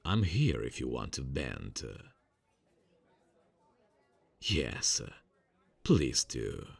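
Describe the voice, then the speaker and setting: In an ASMR roleplay, a young man plays a friendly male college student who is secretly a serial killer, speaking softly and hesitantly with many fillers and quiet insinuations. His full character voice is bass, creaky and husky, with huge pitch swings and a very slow pace, and there's no echo. The mood is falsely friendly.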